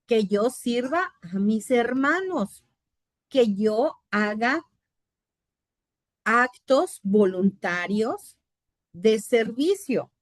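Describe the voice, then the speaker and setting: A woman's voice: on the high side, lively intonation, very slow, long pauses, no echo, clean studio sound. A middle-aged woman teaching a Bible institute class, explaining terms step by step and often checking in with her students. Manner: explanatory, asks "¿verdad?" often.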